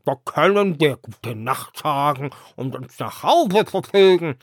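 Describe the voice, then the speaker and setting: A man voicing an excitable herring head in a storybook reading, loud and exclaiming. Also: on the high side, slow, no room sound, clean studio sound, voice pushed up. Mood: excited.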